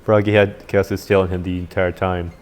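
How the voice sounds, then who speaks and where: A man with a somewhat dopey-sounding voice gives casual, halting playthrough commentary, rambling and repeating himself. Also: deep voice, flat delivery. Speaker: gameplay commentator. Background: video game music.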